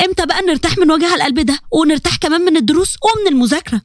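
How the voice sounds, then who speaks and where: A woman's voice: very high-pitched, racing, no room sound, clean studio sound. A woman doing a grieving Egyptian teenage girl. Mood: playful. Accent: Egyptian Arabic. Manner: tearful, pleading.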